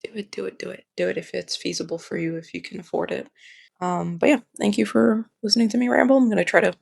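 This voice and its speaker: Speaking quickly in a steady, mid-range voice that's a little mellow, this young adult vlogger has vocal fry and a slight nasal quality. The casual personal ramble is full of repeated and restarted phrases, captured as clean studio sound with no room echo.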